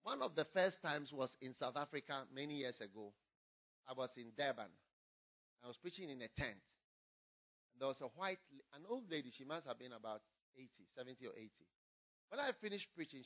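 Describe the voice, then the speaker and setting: A pastor with a Ghanaian English accent preaches a sermon, shifting from quiet storytelling into loud, emphatic preaching. His voice sits in the mid range, and the audio is dull.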